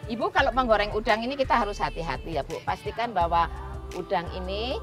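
A woman's voice: mid-range voice, fast talker. A woman hosting a cooking demonstration on an outdoor street stage, explaining each step in a chatty, instructive way and often addressing the audience directly. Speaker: cooking show host. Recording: music playing behind.

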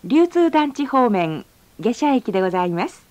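A woman reading a polite, formal onboard train announcement, slowing down to stretch out each station name. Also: fairly high pitch, sing-song, a little mellow. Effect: recorded onboard train announcement. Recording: slightly dull lo-fi sound.

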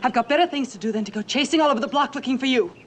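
A woman's voice: high-pitched, rapid-fire, lightly acted. An actress playing an exasperated mother who scolds her son. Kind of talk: 1960s film acting. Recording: old film soundtrack with clear hiss.

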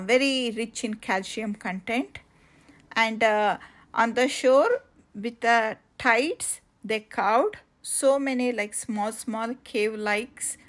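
Slow, halting woman vlogger. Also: fairly high pitch. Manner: slow, halting with many fillers and restarts. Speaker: travel vlogger. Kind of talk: casual travel vlog narration. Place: outdoors on coastal cliffs.

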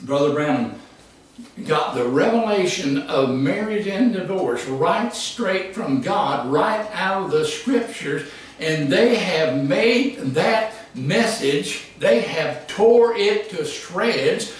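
A man preaching a sermon, emphatic, rising to shouts and dropping low. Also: expressive, slow. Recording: echoey hall from far off.

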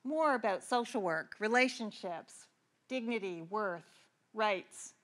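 Middle-aged canadian woman doing a keynote, bright clear voice, chatty, keeps restarting phrases. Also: medium pitch, lively intonation, takes it slowly. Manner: earnest, conversational with frequent restarts. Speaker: keynote speaker. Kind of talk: conference keynote address. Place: large convention hall.

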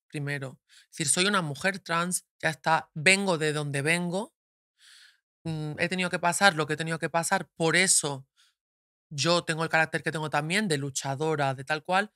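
A woman guest, speaking frankly and openly in a studio conversation, often slowing down to reflect. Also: sits low, sharp tone, no room sound. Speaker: guest, actress. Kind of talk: candid personal conversation. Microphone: studio mic.

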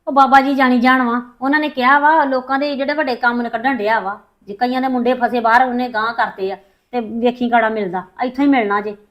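A woman's voice: mid-range voice, natural voice. Casting: a woman as a defensive, scheming Punjabi mother in a family short film; dull lo-fi sound. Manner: defensive, talks fast and evasive. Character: scheming middle-aged mother hiding a pawned bangle.

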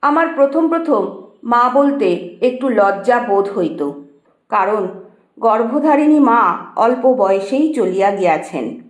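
Woman reading a devotional story real slow and reverent, roomy echo around her. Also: fairly high pitch, expressive. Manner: slow, measured and reverent reading with quoted dialogue. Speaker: reader of a devotional text. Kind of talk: slow scripted reading of a memoir.

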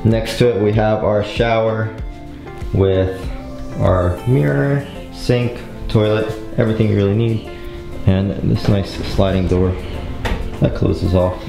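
A man's voice: fairly low pitch, takes it slowly, vocal fry. A young man in his twenties making a casual travel vlog, chatty and joking as he talks to a camera held at arm's length. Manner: jokey, chatty, laughs at his own jokes. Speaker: travel vlogger. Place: restaurant, then hotel room. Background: background music.

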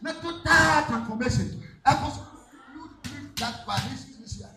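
A young man with a Ghanaian English accent preaching a sermon, swinging between loud calls and low asides as he moves about the stage. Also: moderate pace. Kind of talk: sermon with call and response. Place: large church hall under a metal roof. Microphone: handheld microphone. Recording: echoey hall, far from the camera, music behind.

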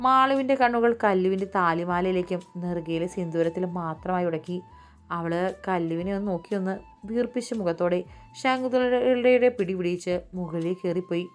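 Woman narrating a story over soft music. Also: lowish voice. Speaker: audiobook narrator.

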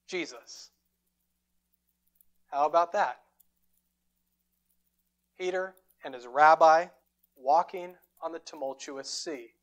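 Slow, deliberate male preacher. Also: a little high, fairly bright tone. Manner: dramatic storytelling with deliberate pauses. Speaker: pastor. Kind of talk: sermon. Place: church sanctuary.

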